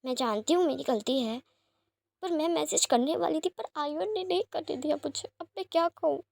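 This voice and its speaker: A worried young woman in a storybook romance, apologetic and pleading, as a woman reads her aloud. Her voice is high and the recording is close and dry. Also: normal speed, vocal fry, a little mellow, no room sound. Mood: puzzled.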